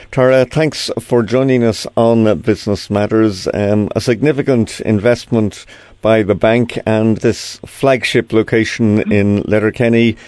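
A man's voice: medium pitch, darkish tone, dry recording. An Irish man hosting a business interview on the radio. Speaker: radio business show host.

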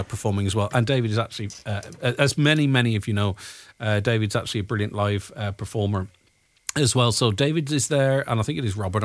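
A man's voice: medium pitch, a bit bright, dry recording. Chatty Donegal Irishman hosting radio, dry sound. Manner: chatty, rambling asides. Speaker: radio show host. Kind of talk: casual live radio chat with listeners.

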